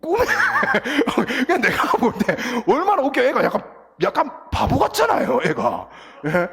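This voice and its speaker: A middle-aged man preaching a lively, story-filled sermon to teenagers, acting out scenes as he goes. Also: very high-pitched, a little slow, vocal fry, husky. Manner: animated storytelling, acts out crying and quotes. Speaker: guest pastor. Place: church sanctuary. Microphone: church sound system, recorded from booth. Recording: long church hall reverb.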